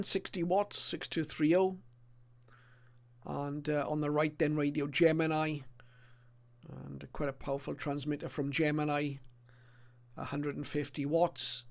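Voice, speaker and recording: Speaking in a somewhat high voice, a middle-aged or older man works through a relaxed, illustrated hobby presentation. He's hesitant and clearly unscripted, stopping frequently.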